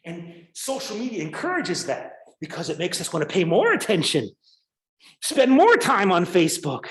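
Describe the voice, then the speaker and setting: An American man, a university professor, giving an online lecture over a video call, acting out his examples. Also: high-pitched. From United States. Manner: animated, acts out examples. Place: indoors, remote class. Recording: echoey video call audio.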